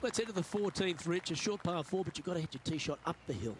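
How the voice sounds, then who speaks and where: With a fairly high pitch and lively intonation, this man speaks quickly in a lightly acted way as the lead golf commentator for a video game broadcast. He's upbeat and composed, measured and engaged, and outdoor ambient noise sits behind his voice.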